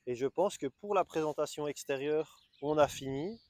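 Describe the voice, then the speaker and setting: Chatty Belgian French man, mellow voice. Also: fairly high pitch, normal speed, no room sound. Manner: enthusiastic, chatty, hesitant restarts. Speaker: car dealer presenting a car. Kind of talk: casual walkaround presentation. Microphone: small camera-mounted mic.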